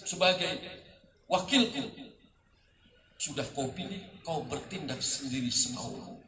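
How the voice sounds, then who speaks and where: A man with a high voice declaims a poem with passion, swelling and sinking line by line. He is heard from a distance in an echoing room, with clear background noise around him. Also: pushed and bright. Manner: impassioned, rising and falling with the lines. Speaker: poetry reader. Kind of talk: dramatic poetry recitation. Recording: echoey room, distant mic, noisy.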